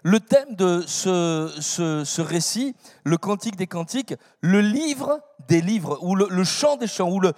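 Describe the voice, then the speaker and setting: Guy preaching in church, kinda high voice, lots of ums and restarts, big echoey hall. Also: expressive, darkish tone. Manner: halting, many fillers and restarts, then reads scripture with lifted emphasis. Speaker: pastor. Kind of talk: sermon. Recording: long reverb of a church hall.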